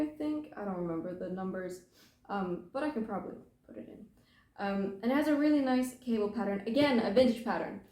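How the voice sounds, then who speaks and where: A woman's voice: on the high side, dark tone. A young British woman hosting a knitting podcast, chatting casually from home in a rambling, self-deprecating way with plenty of filler words. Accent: British English. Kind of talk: casual chat. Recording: roomy echo.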